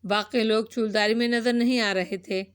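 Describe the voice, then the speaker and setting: A woman narrates a novel, reading aloud with a steady storytelling delivery. Her voice sits fairly high. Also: clear, resonant tone.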